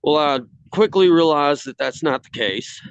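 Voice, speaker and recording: A man on a video call from outdoors in the cold, casually presenting his hobby work in a halting way. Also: fairly high pitch, clean tone, dry recording. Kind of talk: casual slideshow talk. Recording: slightly dull video-call audio.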